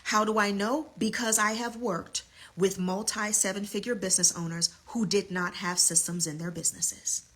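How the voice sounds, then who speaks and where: A woman's voice: medium pitch, fairly even intonation, normal speed, fairly bright tone. A woman teaching a live online business lesson as a coach, emphatic and repeating her key points.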